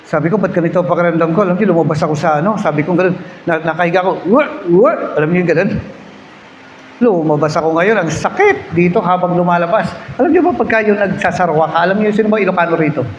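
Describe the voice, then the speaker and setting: A high-voiced Filipino man preaches a story-driven sermon in a church hall, dropping to quiet prayer and rising to loud urging. His voice rings through a reverberant room. The recording sounds a little dull, with faint ambience behind. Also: fast talker, slight background noise. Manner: storytelling, swings between hushed prayer and loud exhortation. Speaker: pastor.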